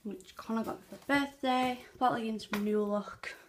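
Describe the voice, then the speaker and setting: A young woman chats casually to her vlog while wearing clear plastic retainers. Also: on the high side, steady tone, normal speed. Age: teens. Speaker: vlogger. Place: small bedroom at home. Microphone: handheld phone camera at arm's length. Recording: phone recording with faint noise.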